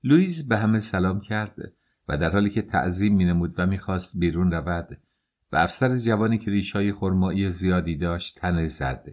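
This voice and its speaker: Male audiobook narrator, very low voice, measured literary reading. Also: darkish tone. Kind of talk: scripted narration.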